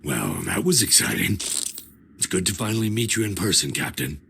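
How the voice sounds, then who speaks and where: A man's voice: deep voice, lively intonation, brisk, gravelly, fairly bright tone, a little hiss or hum, heavily acted. An actor playing a laid-back, sarcastic male agent with dry wit.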